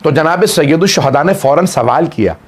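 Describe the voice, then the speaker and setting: A man's voice: fairly high pitch, lively intonation, moderate pace, breathy edge. A man preaching, narrating a mourning story with passion and often calling his listeners brother. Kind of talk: emotional sermon narration.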